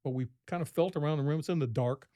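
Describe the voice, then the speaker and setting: Speaking fast in a fairly high, mellow voice, a man on a podcast rambles through a long, casual story. When quoting others, he raises his voice to act out their words.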